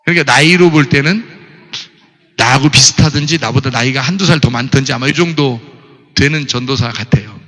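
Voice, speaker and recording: A middle-aged man preaching a sermon, telling a story with animated delivery and asking the congregation questions. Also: mid-range voice, brisk. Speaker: pastor. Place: church. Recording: church hall reverb.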